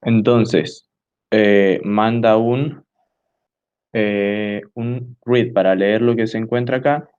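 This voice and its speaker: A young man giving a hesitant student class presentation, filling pauses with "eh" while pointing things out on a diagram. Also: lowish voice, fairly even intonation, a little mellow, smooth. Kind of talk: class presentation explaining computer hardware. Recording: dull lo-fi recording.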